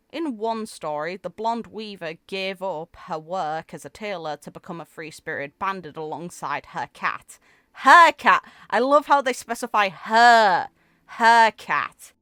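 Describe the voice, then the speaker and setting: A woman gaming creator reads character lore from a game aloud with expression, tossing in casual commentary while music plays beneath her voice. Her lowish voice sounds pushed and bright, and there is no echo.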